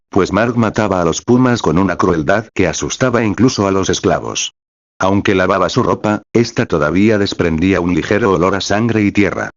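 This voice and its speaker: A man narrating a story aloud at a slow, even pace. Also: sits low, no room sound, highs cut off.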